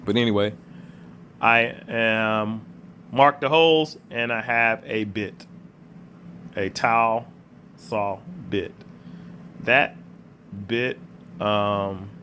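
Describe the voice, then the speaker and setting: Low-voiced man narrating a how-to, under the weather. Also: very slow, long pauses, bright, forceful tone, a little hiss or hum. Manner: plain-spoken, explanatory, addressing the viewer. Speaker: contractor giving an install tutorial. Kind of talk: casual how-to voice-over narration.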